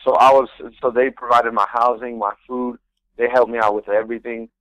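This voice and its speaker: Fairly quick and a bit bright, his mid-range voice has a flat delivery, recorded dry with the highs cut off. He's a young adult man and pro soccer rookie guesting on a radio talk show, earnestly rambling through a casual story and often starting sentences over.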